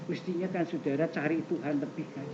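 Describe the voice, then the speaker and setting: An older man preaching a sermon as pastor, questioning the congregation directly and swinging between loud high exclamations and soft low asides. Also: fairly even intonation, a little fast. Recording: muffled old tape recording with faint hiss.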